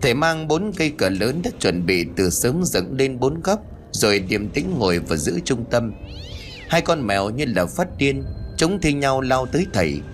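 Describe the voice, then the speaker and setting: A man narrating a ghost story in an expressive, dramatic storytelling manner. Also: medium pitch, slight background noise.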